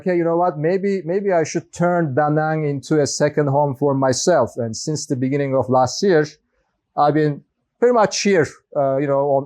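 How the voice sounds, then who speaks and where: A man's voice: on the high side, darkish tone. A man originally from Turkey giving a casual, conversational talk to a small group as guest speaker, with plenty of fillers and restarts.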